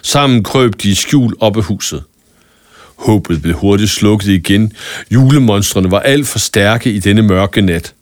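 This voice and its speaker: A man reading a scripted Christmas story aloud in a calm, even storytelling manner with small stumbles now and then. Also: lowish voice, no echo, clean studio sound. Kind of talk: scripted audiobook narration of a Christmas tale.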